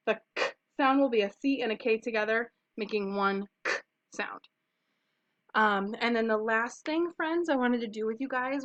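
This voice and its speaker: In this dull, lo-fi home recording, a young female teacher leads little kids through phonics, carefully sounding out each letter and short vowel in turn. She speaks with a fairly high pitch and a fairly bright tone.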